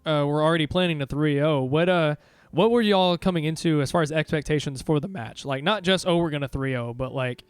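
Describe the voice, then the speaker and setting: A man's voice: fairly high pitch, a little fast, clear, resonant tone, no echo, faint music behind. A man casting a live esports match and then interviewing the winning team, upbeat with casual fillers. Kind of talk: live esports play-by-play commentary.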